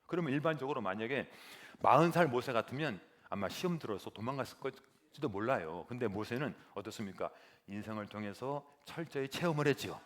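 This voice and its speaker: Brief: male pastor, mid-pitched, lively sermon delivery that swells to loud emphasis. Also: brisk. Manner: animated preaching, swells to loud emphatic peaks.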